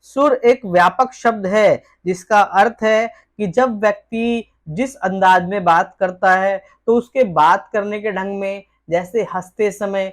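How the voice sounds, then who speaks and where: A woman tutor leads an exam-prep lesson. She reads each question aloud, then gives a formal, textbook-style answer. Her delivery is steady and measured throughout. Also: mid-range voice.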